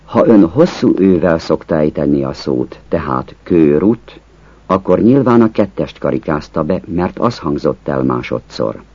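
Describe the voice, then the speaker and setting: Husky deep-voiced man reading a test. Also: animated, darkish tone, no echo, lo-fi sound. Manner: slow, deliberate word-by-word reading. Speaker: test reader. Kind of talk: read-aloud test instructions.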